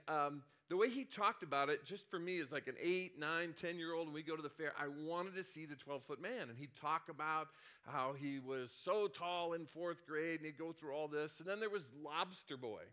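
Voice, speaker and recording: A man's voice: on the high side, sharp tone. A middle-aged man, a senior pastor, telling a childhood story in a conversational sermon with frequent restarts and asides.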